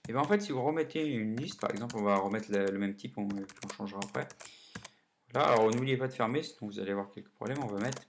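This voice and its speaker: A man's voice: on the low side, fast, creaky, a little hiss or hum. A man hosting a casual coding lesson, chatty and full of fillers, self-corrections and little joking asides. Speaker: coding tutorial host.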